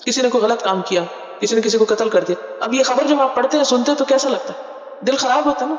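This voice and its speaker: A woman's voice: a little high, steady tone. Woman teaching scripture in an echoey hall. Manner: asks listeners questions and answers them herself; explains terms patiently, mixing in English glosses. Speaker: Quran teacher. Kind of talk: word-by-word scripture tafseer lesson. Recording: echoey hall, dull lo-fi sound.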